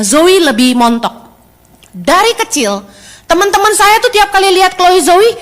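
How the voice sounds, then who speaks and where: A middle-aged woman pastor, preaching a sermon in an animated way and mixing in English phrases. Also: high-pitched.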